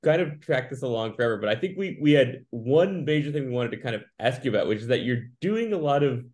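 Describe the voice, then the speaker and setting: A man co-hosts a podcast in easy, casual talk. He meanders through his questions and corrects himself along the way, with a joking edge. He speaks at a middling pitch over a video call. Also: lively intonation, quick pace, darkish tone. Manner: rambling, self-correcting, joking. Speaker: podcast co-host. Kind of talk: casual interview chat.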